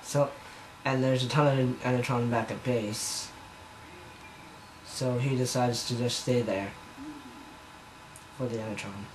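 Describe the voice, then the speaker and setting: A man reads fan fiction for comic dramatic effect at home in his bedroom, his mid-range voice steady and measured, broken by long pauses. An amateur, he rambles, feels self-conscious and often stumbles. His camera mic picks up an echoey room with background noise.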